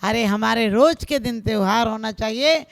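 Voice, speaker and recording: A woman's voice: on the high side, normal speed, vocal fry, no room sound. A woman, a Jain nun, preaching a devotional sermon with humorous folk stories and rhythmic, exhorting lists. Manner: humorous, folksy storytelling.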